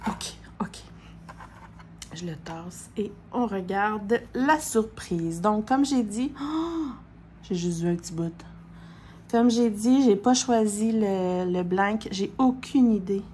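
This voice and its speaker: A middle-aged Québécois French woman who vlogs about diamond painting chats excitedly through an unboxing, drawing her words out slowly. Her mid-range voice is mellow yet expressive, and she gasps and repeats her exclamations again and again. Faint room noise lies beneath her.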